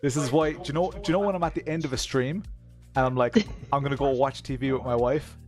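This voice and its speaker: Irish streamer with a west of Ireland accent. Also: male voice, mid-range voice, fairly even intonation, fast talker, a little mellow, faint music behind. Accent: Irish, County Kerry in the west of Ireland. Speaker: live stream host. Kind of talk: casual chat with stream viewers, reading comments.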